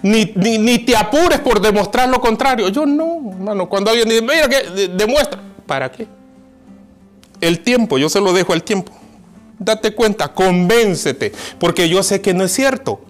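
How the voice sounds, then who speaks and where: A man preaching a sermon in a notably high voice. He swings from raised, urgent lines to near-murmurs, calling listeners brother and asking them questions. A quiet guitar plays underneath. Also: lively intonation, normal speed. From Mexico.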